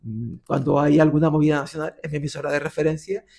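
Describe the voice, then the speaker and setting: A man's voice: on the high side, fast talker, gravelly. A middle-aged man from Gran Canaria with a Canarian Spanish accent, a radio presenter telling stories as a podcast guest. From Las Palmas de Gran Canaria, Spain. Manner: animated storyteller, voices the people he quotes. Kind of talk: podcast interview storytelling.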